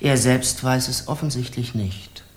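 In a German radio crime drama, an actor plays a harsh, scornful Parisian justice official who interrogates in a curt, pompous manner, sounding indignant and contemptuous. His natural voice is medium in pitch and a little slow.

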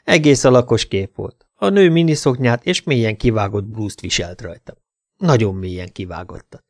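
A man's voice: fairly low pitch, no echo. A man reading a crime novel aloud in dry first-person narration, giving the cops their own voices. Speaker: audiobook narrator.

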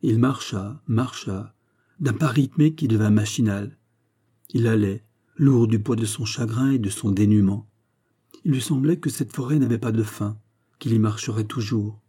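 A man reading a classic fairy tale aloud in a measured, expressive storybook narration. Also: on the low side, breathy edge.

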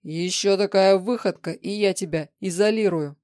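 A woman voicing an irritable older male professor in an audiobook reading, shouting angry orders. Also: mid-range voice, moderate pace, no room sound, studio quality, lightly acted. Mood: irritated.

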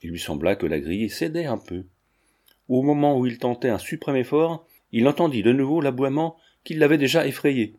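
Man, audiobook narration, mellow dark tone, measured dramatic reading. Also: mid-range voice, animated.

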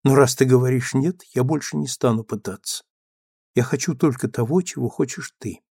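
A man's voice: mid-range voice, moderate pace, creaky, warm tone, breathy edge, no echo, clean studio sound. A man reading the part of a meek, remorseful young woman, pleading and trembling. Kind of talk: audiobook character reading.

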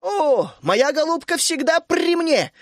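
Man doing a female gnome queen, small and bossy, high voice, bouncy, brisk exclaiming, audiobook. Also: expressive, no echo, clean studio sound. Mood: urgent. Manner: brisk, exclaiming, loud and mocking.

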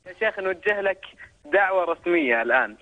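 A man's voice: high-pitched, animated, fast, narrow, tinny audio. A young man, calling in over a speakerphone. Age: young adult. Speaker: caller, secondary school student. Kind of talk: phone call. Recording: phone heard over speakerphone.

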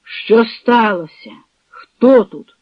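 A composed Cossack colonel speaks low and steady, weighing each word, as a reader voices him. There is little theatrics to it. The recording is dry and dull. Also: slow pace, no echo. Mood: measured. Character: older Cossack colonel, calm and cautious. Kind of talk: audiobook reading with character voices.

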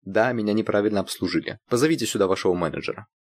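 A man's voice: mid-range voice, big pitch swings, fast talker, dry recording, voice pushed up, natural voice. A man playing a haughty rich woman, furious. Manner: sharp, demanding, shouting at staff.

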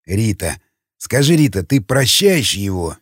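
A man voicing a calm, sardonic male cannibal with a baritone voice, mocking and quietly threatening. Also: measured pace, husky, dry recording, clean studio sound, exaggerated voice.

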